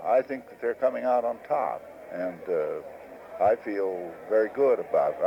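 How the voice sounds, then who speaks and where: Man, 60s, low-pitched, earnest and reflective interviewee, halting with fillers; old muffled tape. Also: a little hiss or hum. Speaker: interviewee, former farm organization leader. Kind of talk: recorded interview.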